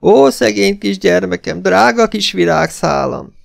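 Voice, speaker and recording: A man voicing a panicked older woman servant who wails and sobs in drawn-out, shrill cries. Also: expressive, creaky, dry recording, studio quality, exaggerated voice. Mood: frantic.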